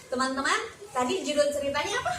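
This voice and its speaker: A young adult woman teacher, heard far from the mic in an echoey room with clearly audible noise, reads a story aloud to her class in a high, animated, quick voice. She then quizzes a child with coaxing questions and half-finished words for the child to complete.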